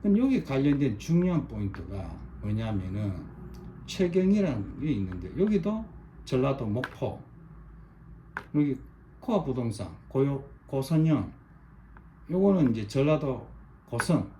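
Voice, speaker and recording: A middle-aged online commentator explains a chart in a monologue, pointing item by item with short demonstratives and repeating himself emphatically. His medium-pitched voice is mellow and very animated, a little slow, with slight background noise.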